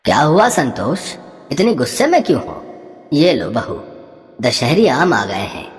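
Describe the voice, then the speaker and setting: Cartoon: easygoing husband, woman voiced, low, calm, reverby. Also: a little slow. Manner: calm, reasoning, relaxed. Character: easygoing middle-aged husband. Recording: long reverb.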